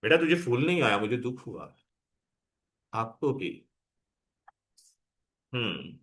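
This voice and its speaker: A male teacher lectures a live class with a bright, forceful edge to his voice. He coaxes the students along and checks in with them often. The talk stays at an ordinary middle pitch. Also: big pitch swings, takes it slowly. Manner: coaxing, calls students "beta", mixes Hindi and English. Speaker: chemistry teacher.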